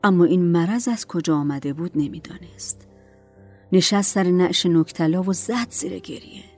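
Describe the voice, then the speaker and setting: A woman narrating a dramatic story in a measured, soft manner. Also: lowish voice, soft background music.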